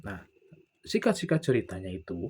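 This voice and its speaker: This young man vlogs in a relaxed storytelling style, replaying exchanges with others and voicing their parts himself. He speaks at a normal speed in a low, slightly mellow, somewhat rough voice with big pitch swings.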